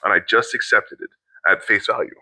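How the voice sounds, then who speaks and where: A man's voice: on the low side, sharp tone, dry recording, low-quality recording. A middle-aged man reading an online post aloud in casual chat, stopping often to restart and dropping swear words into his asides. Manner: halting, restarts mid-sentence, swears in asides. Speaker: co-host reacting to online posts.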